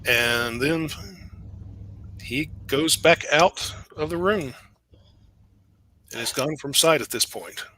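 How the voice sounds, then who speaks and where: A man narrating a tabletop game as game master, relaxed and explanatory with frequent fillers. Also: a little high, slow pace, pauses often, a little hiss or hum.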